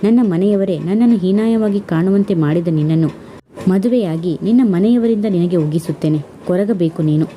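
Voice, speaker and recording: A defiant young woman, wounded and bitter, her voice low and dark as a female storyteller puts her on. She speaks with a hard edge, in a storybook reading. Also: a little fast, a little hiss or hum, natural voice. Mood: vengeful.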